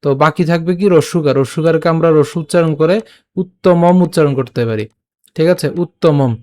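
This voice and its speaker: Man, fairly high voice, slow syllable-by-syllable recitation, patient teacher. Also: warm tone. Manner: chants verses in a tune. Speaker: Gita teacher. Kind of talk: Sanskrit pronunciation lesson.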